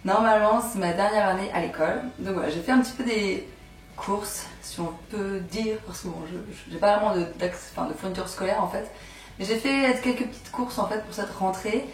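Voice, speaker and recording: A young woman in her twenties with a hoarse voice from laryngitis, chatting casually on her vlog and rambling with lots of fillers. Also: medium pitch, far from the mic. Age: 20s. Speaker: beauty and lifestyle vlogger. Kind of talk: casual chat. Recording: echoey room, mic set back.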